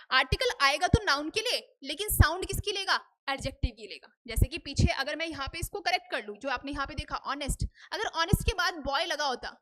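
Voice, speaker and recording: तेज़ ऊँची आवाज़ वाली शिक्षिका. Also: female voice, high-pitched, a bit bright. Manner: asks students questions and answers them herself, repeats "ठीक है?". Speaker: English teacher. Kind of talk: Hindi-English grammar lesson. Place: classroom.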